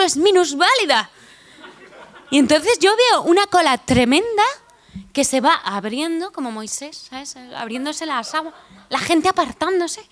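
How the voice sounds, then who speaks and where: Madrid girl giving a jokey talk on stage, higher voice, chatty and teasing. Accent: Madrid Spanish. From Spain (Madrid). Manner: chatty, joking, self-deprecating, with asides to the audience. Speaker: conference speaker. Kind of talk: humorous personal storytelling talk. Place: conference stage before an audience.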